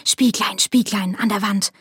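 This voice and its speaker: A woman's voice: mid-range voice, fairly even intonation, a little slow, breathy edge, dry recording, clean studio sound. A woman playing a vain wicked queen.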